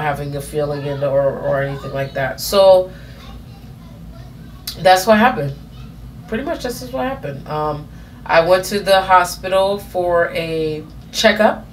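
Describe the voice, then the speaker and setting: Against slight background noise, a woman in her thirties with a fairly low voice rambles through a personal story on her casual vlog. Fillers and self-corrections pepper her talk.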